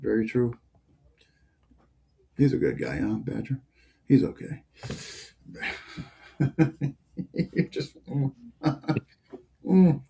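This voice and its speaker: A man's voice: mid-range voice, sing-song, extremely slow, creaky, long pauses, warm tone. A man hosting a podcast in casual chat, talking loosely with many fillers and frequent laughs. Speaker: podcast host.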